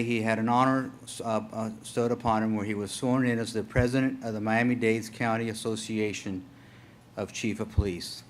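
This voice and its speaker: A man speaking as a city manager, delivering a prepared formal speech over a meeting room microphone. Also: on the low side. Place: indoor public meeting room. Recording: meeting room mic with clear background noise.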